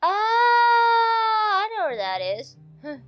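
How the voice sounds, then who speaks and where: Her voice is extremely high, with big pitch swings and drawn-out words, the highs cut off and soft music playing behind. She's a let's play host giving casual gameplay commentary, rambling and giggling to herself, mildly congested from allergies.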